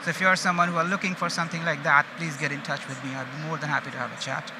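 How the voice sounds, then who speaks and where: Speaking rapid-fire in a level tone, a slightly high-voiced Indian man with an Indian accent presents informally at a conference, frequently checking in with his audience. He's a data engineering manager on an open exhibition stage, and the busy hall's loud noise is heard throughout.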